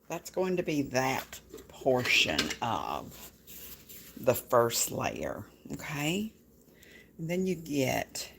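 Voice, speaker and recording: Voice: mid-range voice, creaky, slight background noise. A home cooking vlogger, chatting folksily and directly to viewers while demonstrating a recipe.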